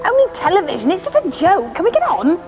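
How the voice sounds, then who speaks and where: A woman's voice: extremely high pitch, wildly swooping pitch, fast talker, dull audio, over music. A woman presenting children's television with informal banter.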